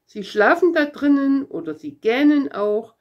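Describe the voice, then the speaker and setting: A weary railway switchman, read aloud by a woman in a storybook, answering in a flat, matter-of-fact tone. He speaks slowly and drops a little lower. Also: lo-fi sound.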